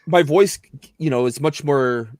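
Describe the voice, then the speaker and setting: A middle-aged actor, appearing as a guest in a casual video chat, has a slightly whiny voice that is a little high, unhurried and darkish. He rambles with many restarts, recorded close-mic in a dry, studio-quality setting.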